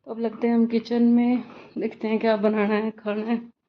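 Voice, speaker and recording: A woman's voice: fairly high pitch, level tone, normal speed. A woman, chatting to viewers directly in a casual family vlog. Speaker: vlogger. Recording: slightly dull phone audio with faint noise.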